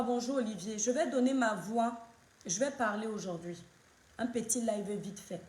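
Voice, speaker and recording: A woman with a fairly high voice hosts a casual live stream, hoarse from a cold. She greets her viewers by name again and again in a warm, repetitive patter. The room around her rings with echo. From Cameroon.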